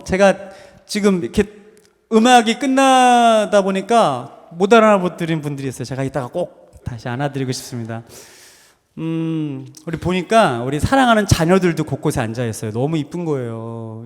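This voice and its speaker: A high-pitched man in his thirties preaches from the pulpit. His voice rings with long reverb through the church hall. He tells family stories warmly and breaks into sudden loud bursts. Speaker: pastor. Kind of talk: sermon. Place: church sanctuary.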